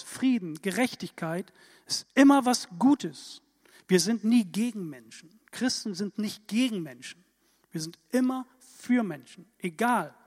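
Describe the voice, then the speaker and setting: High-voiced emphatic preacher in a hall. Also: male voice. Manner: lively, emphatic preaching with rhetorical questions. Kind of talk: sermon. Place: church hall. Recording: church hall reverb.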